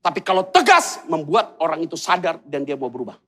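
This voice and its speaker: Joking pastor with a lilt. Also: male voice, a little high, sing-song, a little fast. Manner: playful, swings between quiet and loud outbursts. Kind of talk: humorous sermon. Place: large church hall in a mall.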